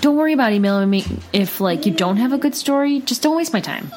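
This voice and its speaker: A woman's voice: a little high, expressive, fast, darkish tone. A woman in her thirties co-hosting a casual podcast, playful and wry, often laughing through her lines. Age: 30s. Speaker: podcast co-host. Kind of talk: casual chat.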